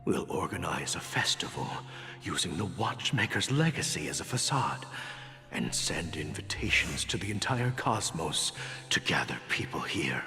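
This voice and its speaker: An actor voicing a calm, wistful old man in a game, speaking in an unhurried way. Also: low-pitched, exaggerated voice. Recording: game audio with reverb and music.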